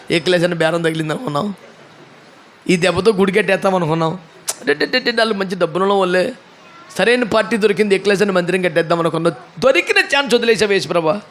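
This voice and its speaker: A man's voice: high-pitched, fairly bright tone. A male pastor preaching a sermon, telling a Bible story dramatically with voiced characters and rhetorical questions. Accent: Telugu. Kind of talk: Telugu sermon with acted Bible scenes.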